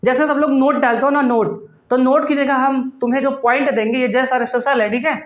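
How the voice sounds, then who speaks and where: A man's voice: very high voice, steady tone, a little fast, echoey room. A male chemistry teacher giving an online class, playful and teasing, calling his students "beta" and answering his own questions. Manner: calls students "beta" affectionately.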